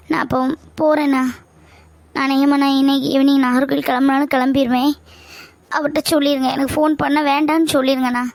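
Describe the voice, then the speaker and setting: A woman acts out a heartbroken young woman who tearfully refuses every attempt at comfort in a homemade family skit. Her voice is high, with a gravelly fry running through it. The recording is close and dry. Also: a little mellow, no echo. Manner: tearful, hurt, insistent refusals. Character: hurt, tearful young woman betrayed in love. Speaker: younger sister figure. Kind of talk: amateur family skit acting.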